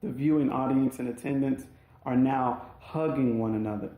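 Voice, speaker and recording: A man's voice: medium pitch, normal speed, narrow, tinny audio. A man narrating his own audiobook in an emphatic, dramatic storytelling manner. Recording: roomy echoey recording.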